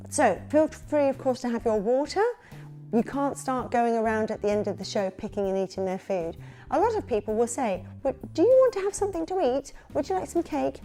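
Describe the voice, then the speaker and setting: A woman's voice: a little high, warm tone. A woman with a London accent, a children's party entertainer giving candid, chatty practical tips in a casual advice vlog. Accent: London English.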